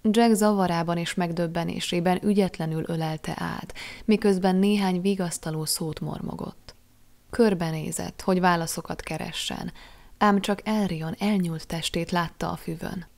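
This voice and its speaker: Female audiobook reader; low, gravelly tone, measured expressive delivery. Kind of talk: audiobook narration.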